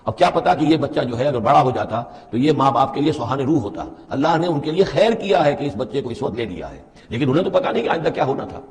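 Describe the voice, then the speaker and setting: A man teaching a Quran commentary, reciting verses and then explaining each one in a measured lecturing manner. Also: medium pitch, expressive, big-room sound. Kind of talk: Quran translation and commentary lesson.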